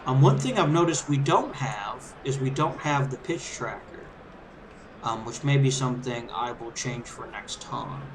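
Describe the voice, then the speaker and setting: A man's voice: mid-range voice, animated, measured pace. Easygoing man commentating over noisy game ambience. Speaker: let's play host. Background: video game crowd ambience and background music.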